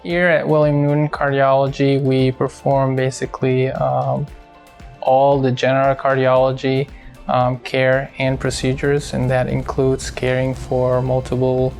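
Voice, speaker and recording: A man from Syria, a cardiologist speaking in a hospital profile interview, measured and halting with many fillers. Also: medium pitch, monotone, gravelly, darkish tone, faint music behind.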